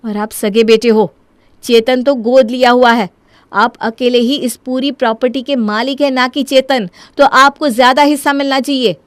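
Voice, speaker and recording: A scheming young wife, voiced by a woman in a cartoon, coaxing and insistent. The voice is on the high side. The recording is dry and close. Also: steady tone, moderate pace, no room sound, lightly acted.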